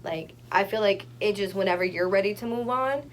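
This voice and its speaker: A woman's voice: mid-range voice, a little hiss or hum. A young woman in a casual chat, openly reflecting on how she copes with her feelings. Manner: open, self-reflective, quick to laugh.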